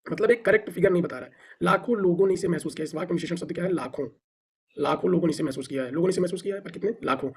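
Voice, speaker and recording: A man with an Indian accent teaching exam vocabulary, reciting lists of words quickly with short explanations and English phrases mixed in. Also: sits high, vocal fry, a little mellow, slight background noise. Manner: rapid list recitation with brief explanations; mixes English phrases into Hindi. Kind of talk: exam-prep vocabulary drill.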